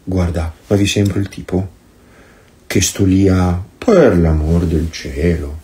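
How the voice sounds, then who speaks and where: A man's voice: low voice, slow, mellow. A man giving a priest's meditation in an impassioned, sarcastic and emphatic way. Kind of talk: recorded meditation, sermon-like.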